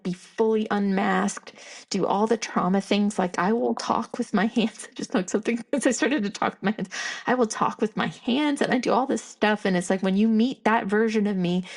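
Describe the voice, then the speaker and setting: A woman's voice: medium pitch, vocal fry, a little mellow. A woman in her fifties hosting a podcast, talking candidly in a reflective, rambling monologue full of restarts. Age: 50s. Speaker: podcast host.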